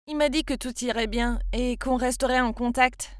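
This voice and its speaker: A woman's voice: a little high, fairly even intonation, normal speed, no echo, studio quality. A woman in her twenties from France, narrating her own story in the first person with a confiding, emotional manner. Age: 20s.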